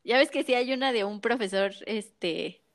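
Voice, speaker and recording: A woman's voice: a little high, moderate pace. A woman with a Mexican Spanish accent chats on a podcast as a mother telling stories. Her talk is loose and slangy, and she mimics the people she quotes. Her voice sits a little above the usual for women. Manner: chatty storytelling with slang, acts out quoted voices. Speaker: podcast co-host. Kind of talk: casual chat.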